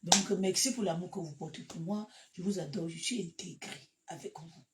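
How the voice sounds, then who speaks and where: A woman with a Cameroonian French accent chatting casually to her followers, animated and breaking into loud bursts. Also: lowish voice, normal speed, very noisy. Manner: animated, laughs loudly, shifts to loud bursts. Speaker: social media live host. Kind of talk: casual live chat to followers.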